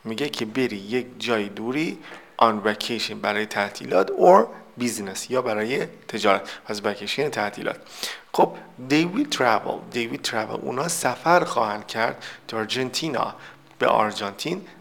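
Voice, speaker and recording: A man's voice: medium pitch, animated, gravelly, a bit bright. A man teaching English vocabulary in a recorded lesson, explaining each word step by step and mixing Persian with English example sentences.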